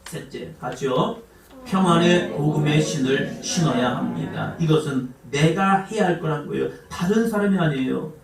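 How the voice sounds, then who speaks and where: A man preaching a sermon as pastor, swinging from loud exhortation to hushed asides. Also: fairly high pitch, lively intonation, moderate pace, gravelly, a crowd in the background. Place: church sanctuary. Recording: echoey church hall, mic at a distance.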